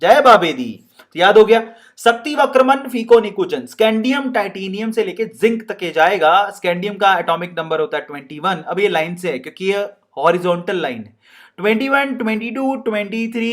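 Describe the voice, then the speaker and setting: A man's voice: high-pitched, animated, normal speed. A man teaching chemistry in a playful way, with laughs, mnemonic chants and questions to the class. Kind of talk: online lecture.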